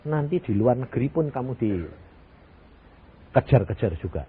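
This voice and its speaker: An older man preaching a sermon in with a tinge, throwing out rhetorical questions and sudden loud bursts. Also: medium pitch, lively intonation, moderate pace, slight background noise. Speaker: evangelist preacher. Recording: tinny lo-fi phone-like audio.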